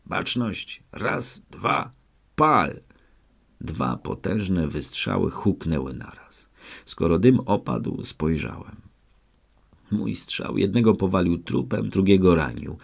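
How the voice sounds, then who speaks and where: A man narrating an adventure audiobook in the first person, with measured, dramatic storytelling. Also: deep voice, expressive, gravelly, a little mellow, husky.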